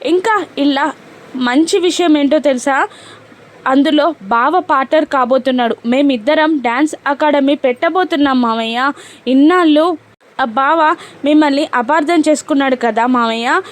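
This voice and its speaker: An eager young woman spills out her news in an excited rush, read by a woman narrator. The voice sits high and light, close to a plain reading voice. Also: lightly acted. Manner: excited, rushed.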